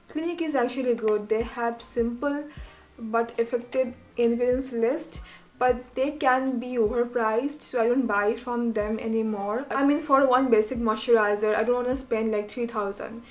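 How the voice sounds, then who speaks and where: A young woman with an Indian English accent talks straight to camera in a fairly high voice, casual and quick with her asides. Faint music plays softly under her voice. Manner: chatty, laughs between points, quick asides. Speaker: skincare vlogger.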